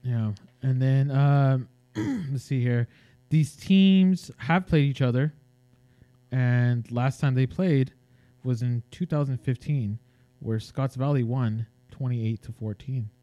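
A man with a Californian accent co-hosting a sports podcast, talking casually with hesitant, halting delivery. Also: mid-range voice, warm tone, no echo. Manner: hesitant, many fillers and restarts.

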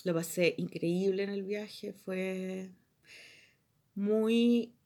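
A young woman with a Chilean accent, hosting a podcast and telling an animated story full of voices and laughter. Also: medium pitch, drawn-out words. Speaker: podcast host. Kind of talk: casual chat.

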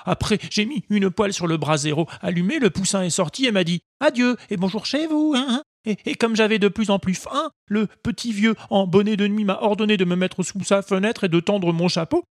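A man's voice: high voice, fairly quick, few pauses, dry recording, studio quality, voice pushed up, close to an everyday voice. A man voicing a hungry, whining wooden puppet boy in a storybook reading. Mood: whiny. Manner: whining, self-pitying. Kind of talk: audiobook character voice.

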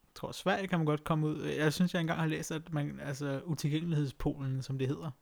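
Creaky-voiced man in understated casual chat. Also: on the high side, level tone.

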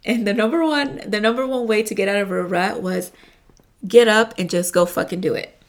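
A woman's voice: mid-range voice, normal speed. Woman chatting to her listeners, swears a ton, rambly and casual, keeps saying you guys. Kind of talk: casual motivational chat.

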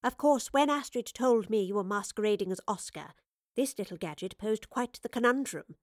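A woman voicing a composed woman professor who speaks in a cool, clipped, measured way. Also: medium pitch, expressive, no echo, studio quality, lightly acted. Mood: cheery. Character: composed, stern woman professor, dry and unflinching.

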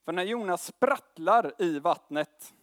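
A young man preaches a conversational sermon, mixing slang with tag questions and swinging between loud calls and quiet, slow lines. His voice is high and expressive, recorded at studio quality with no room sound.

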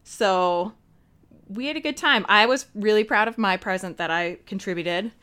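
Mid-pitched woman chatting informally as podcast co-host. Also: moderate pace, fairly bright tone, smooth. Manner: informal, peppered with "like" and "you know". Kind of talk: casual chat.

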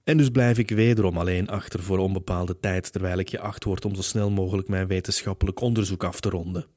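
A man narrating a first-person story as an audiobook in a measured storytelling manner. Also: sits low, steady tone, darkish tone, no echo, studio quality.

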